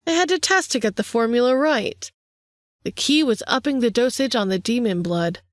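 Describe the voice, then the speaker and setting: Lady putting on a sly power-hungry vampire guy, sing-songy and a bit higher, dry. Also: animated, normal speed, no room sound, lightly acted. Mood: menacing. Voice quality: sing-song, taunting. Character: scheming vampire man, older brother, power-hungry.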